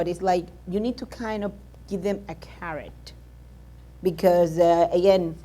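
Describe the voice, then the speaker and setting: Deep, mellow-voiced woman answering a panel.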